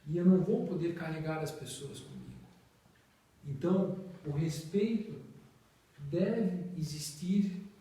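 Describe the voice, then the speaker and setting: A man with a Brazilian Portuguese accent gives a slow, measured spiritist talk, his phrase ends fading away. His voice sits fairly high for a man, yet sounds dark and mellow. He is heard from across a strongly echoing room. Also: far from the mic. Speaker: spiritist study leader.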